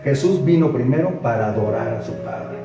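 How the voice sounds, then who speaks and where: A man's voice: medium pitch, animated, normal speed, music in the background. A man preaching a sermon in a church hall, urging his listeners on with many rhetorical questions. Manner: exhorting, full of rhetorical questions. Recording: echoey hall from far off.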